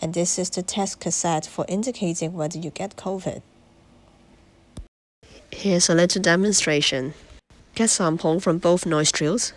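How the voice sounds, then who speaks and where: Hoarse sick woman. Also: on the low side, a little slow, long pauses. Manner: plain, explanatory, demonstrating items. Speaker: vlogger. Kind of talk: home video narration.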